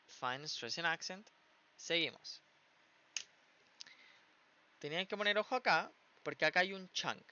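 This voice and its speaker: Young male teaching assistant, chatty and encouraging, forceful crisp delivery, muffled lo-fi audio. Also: medium pitch. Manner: chatty and encouraging, mixes English terms into Spanish. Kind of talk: casual online tutoring session. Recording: muffled lo-fi recording.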